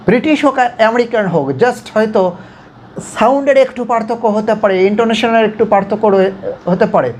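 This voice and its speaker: A woman teaching English pronunciation in a video lesson, explaining patiently and repeating each model word slowly so viewers can copy it. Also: mid-range voice, a little mellow, slight background noise.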